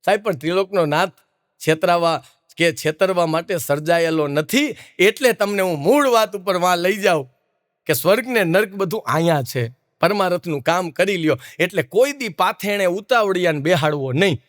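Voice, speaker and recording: Middle-aged kathiawadi guy telling stage jokes, high voice, dry sound, acts out everyone in his stories. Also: moderate pace, no echo. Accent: Kathiawadi Gujarati. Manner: lively folksy storytelling, acts out the people in his stories. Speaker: stage comedian telling folk anecdotes. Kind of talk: live stage storytelling.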